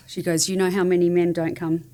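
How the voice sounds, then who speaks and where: A woman's voice: on the low side, level tone, normal speed, dark tone. A woman speaking as a podcast guest in a casual conversation, with an earnest, candid and affirming manner. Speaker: podcast guest, family support coach.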